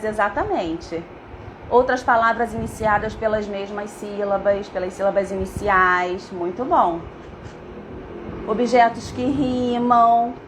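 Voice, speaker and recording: A woman's voice: a little high, a little hiss or hum, low-quality recording. A middle-aged woman with a Brazilian Portuguese accent, a teacher giving a live online lesson and often checking in with her viewers. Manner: addresses viewers as "gente", checks in with "né?" and "tá?".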